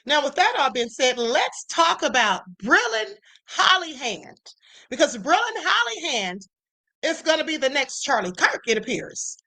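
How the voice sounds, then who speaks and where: Sassy high-voiced woman streamer. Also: sing-song, sharp tone. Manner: sassy, emphatic, drawn-out asides. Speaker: live stream host. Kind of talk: casual commentary.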